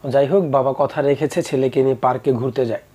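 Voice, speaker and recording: A man's voice: medium pitch, fairly even intonation, fast, dark tone, breathy edge. A young man earnestly telling a moral story about parents and children, in a preachy tone with repeated lessons. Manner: earnest, preachy, with acted quotes.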